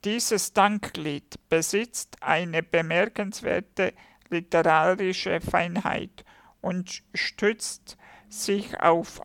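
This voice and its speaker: Devotional radio reader: very slow, deliberate, gravelly, dry close sound, halting over words. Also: mid-range voice, fairly bright tone, dry recording. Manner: halting, deliberate reading with small self-corrections. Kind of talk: slow devotional reading of scripture and commentary.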